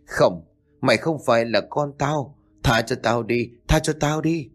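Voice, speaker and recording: A man's voice: mid-range voice, measured pace, soft background music, close to an everyday voice. A man voicing a terrified old man in a storybook reading, pleading in panic.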